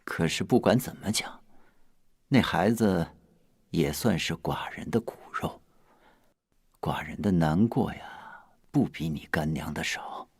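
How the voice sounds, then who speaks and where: An actor playing a lovesick king in a costume TV drama, wheedling and self-pitying, swinging from loud outbursts to hushed asides. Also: lowish voice, measured pace, pauses often, husky, dry recording, clean studio sound. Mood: brooding. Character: lovesick grumbling male king, middle-aged.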